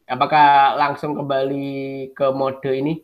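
A man's voice: medium pitch, completely flat delivery, a little slow, lo-fi sound. A man chatting casually about a comic, hesitant with many fillers, laughing often. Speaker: podcast co-host discussing a manga chapter. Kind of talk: casual chat.

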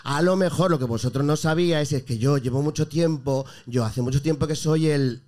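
A man's voice: a little high, brisk, a little mellow. A male comedian improvising a bit, rambling and stammering playfully. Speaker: comedian guest.

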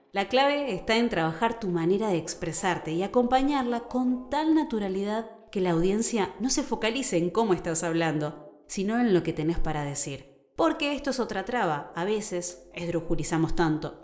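A woman radio announcer with an Argentine accent, giving advice on a podcast in a measured, emphatic, teacherly way. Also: fairly low pitch, a little mellow. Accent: Argentine Spanish. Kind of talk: instructional podcast talk. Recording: roomy echo with faint music.

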